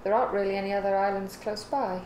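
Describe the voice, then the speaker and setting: This is the host's mother, an older woman guesting on a craft livestream, talking quickly in a medium-pitched, somewhat dark voice with fairly even intonation. Her casual chat wanders thoughtfully, with self-corrections along the way. Background noise is audible in the echoey room, likely a living room or home craft space.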